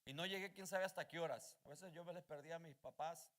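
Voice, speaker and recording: A male pastor preaching a fervent sermon, moving between calm storytelling and loud shouted calls to his congregation. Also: fairly high pitch, fast talker.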